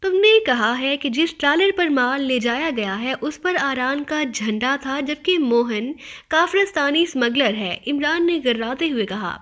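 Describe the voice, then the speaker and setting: A woman's voice: sits high, expressive, a bit bright. A woman voicing a cold, ruthless male secret agent who interrogates with icy, growling threats. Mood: cold menace.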